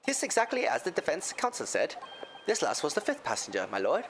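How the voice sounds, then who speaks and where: Lilting, animated Irish moneylender. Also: male voice, on the high side, fairly quick, slight background noise. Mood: deferential, folksy. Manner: lilting, folksy, theatrical. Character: folksy, smooth-talking Irish moneylender, genial male witness. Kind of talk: voiced reading of game dialogue.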